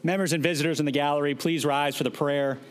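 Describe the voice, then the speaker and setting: A man's voice: fairly high pitch, fairly even intonation, fast talker. A man presiding over a legislature, calling the chamber to order in a raised, projecting voice with formal procedural announcements. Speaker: presiding speaker of a state legislature.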